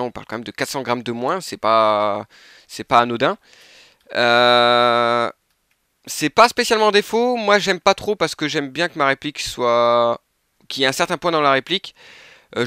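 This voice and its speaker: A man talking casually as he reviews a replica, hesitant, with many pauses and restarts. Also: medium pitch, bright, forceful tone, clean tone, dry recording, clean studio sound. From France. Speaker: airsoft reviewer. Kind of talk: casual product review talk.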